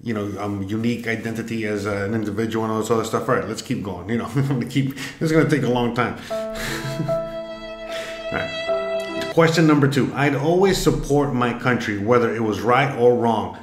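A vlogger from Miami, Florida, takes an online quiz on a desk webcam in a room at home, musing aloud with rambling speech full of fillers and restarts. His voice is fairly low and a little fast, with soft background music, and the room sounds echoey.

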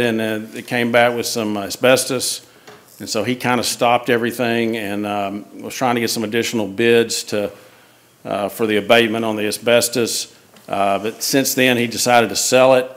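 A man's voice: mid-range voice, fairly even intonation, normal speed, a bit bright. A city official, a man, reporting on properties to a council in a plain, hesitant way with many fillers. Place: council chamber.

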